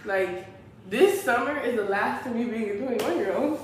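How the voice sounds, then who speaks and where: A woman in her early twenties co-hosts a podcast, laughing and telling stories with animated energy in casual conversation. Her voice is slightly high at a normal speed, recorded in an echoey room with the mic at a distance and faint noise.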